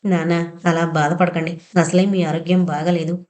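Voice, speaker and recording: A gentle young daughter calms her worried father, her voice low and mellow, as a woman narrator reads her part. She speaks softly and soothingly in this audio novel. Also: normal speed, close to an everyday voice. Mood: consoling. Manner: soothing, consoling.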